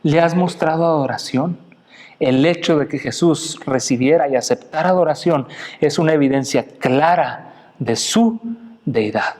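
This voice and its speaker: A man from Mexico preaching a sermon, animated and dramatic, often asking the listeners direct questions. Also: unhurried. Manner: animated preaching, acting out quotes with big pitch swings.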